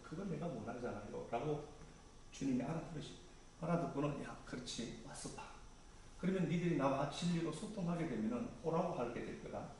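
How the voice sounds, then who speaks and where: Male pastor, mid-pitched, relaxed conversational sermon; distant mic in a very echoey hall with faint ambience. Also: slight background noise. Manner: conversational preaching, paraphrasing scripture in casual speech.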